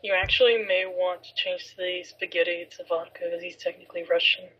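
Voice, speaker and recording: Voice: mid-range voice, level tone, brisk, pushed and bright, a little hiss or hum. A game master running a tabletop role-playing game, giving dry, sardonic rulings in casual chat. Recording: dull, lo-fi home recording.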